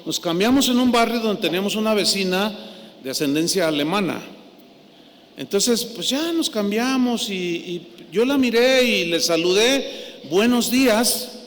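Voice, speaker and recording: High-voiced preacher in a hall. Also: male voice, a little slow. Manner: animated, swings from hushed to loud. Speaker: pastor. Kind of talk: sermon storytelling. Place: large church hall. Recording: echoey hall, faint noise.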